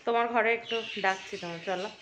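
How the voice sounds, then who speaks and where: A young woman vlogging casually at home, chatting brightly about food and a family surprise gift. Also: mid-range voice, quick pace, background noise. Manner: chatty, lively, whispers while planning a surprise. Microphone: phone camera.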